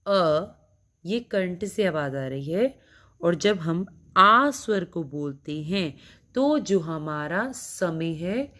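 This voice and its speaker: Female primary school teacher, slow, patient drilling, bright and lowish voice. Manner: slow, drawn-out, repeats sounds and words for children. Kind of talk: recorded classroom lesson for children.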